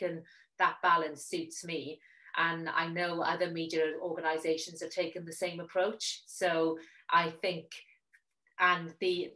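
A woman in her forties with a South Wales Valleys accent, a magazine editor chatting as an interview guest in a measured, self-correcting way. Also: fairly low pitch, sharp tone, low-quality recording. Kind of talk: casual interview chat.

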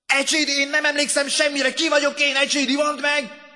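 A man voicing a frantic man just woken from sleep, shouting high and desperately as he searches for his name. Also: monotone, heavily acted. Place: theater stage. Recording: live theater recording with long reverb.

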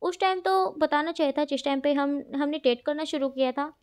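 An eager young groom who teases his partner, read by a woman. The voice is high and lively, with a playful, teasing edge, as in a storybook retelling. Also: fairly quick, close to an everyday voice.

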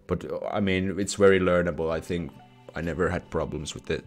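Soft background music plays as this young man from Finland streams live from a small indoor room at home, speaking with a Finnish accent. His deep voice is brisk and fairly even in intonation as he reads viewer comments, chats, frequently restarts his words, and drops into Swedish phrases. He uses a headset, with a desk mic in front.

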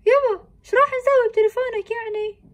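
A terrified young daughter, as a woman puts her on, pleading and panicked in a home-made family drama. The voice sits very high and rushes along at a quick clip. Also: steady tone, muffled recording. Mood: anxious. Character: frightened young daughter Sanaa.

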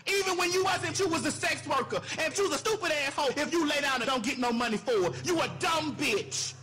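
A woman's voice: sits high, fast talker, fairly bright tone. A woman in a heated, unscripted rant, mean and spiteful, brash and profane in her insults. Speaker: adult entertainer. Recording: music playing underneath. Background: music.

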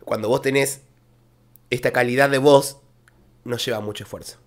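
A baritone vocal coach with an Argentine Spanish accent chats excitedly with viewers while reacting to and analyzing a singing performance. He talks at a normal speed.

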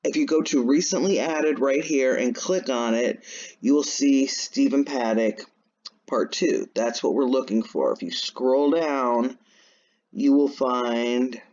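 Slow and medium-pitched with a darkish tone, a man rambles through a screen-share walkthrough on his own channel, dropping "um" and "anyways" often. The highs are cut off in the audio.

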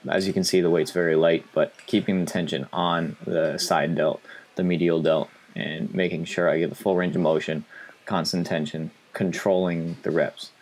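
A young man gives a casual voice-over explaining his gym workout in a relaxed coaching tone. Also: deep voice, normal speed. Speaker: fitness vlogger.

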